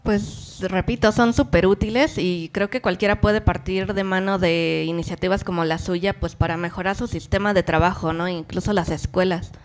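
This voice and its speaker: A woman on a talk show, relaxed and conversational. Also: on the low side, moderate pace, hardly any pauses. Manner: relaxed, conversational, tag questions.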